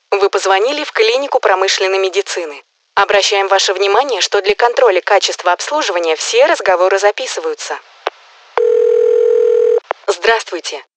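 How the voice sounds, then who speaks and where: A woman reads scripted phone-system greetings as a recorded announcer, in a polite, formal customer service voice. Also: mid-range voice.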